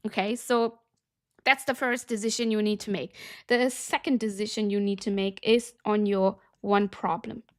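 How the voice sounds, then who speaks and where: A woman's voice: medium pitch, steady tone, moderate pace, no echo, studio quality. A woman business coach teaching a lesson, emphatic and direct, often checking in with her listeners. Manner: emphatic, keeps checking in with "okay?".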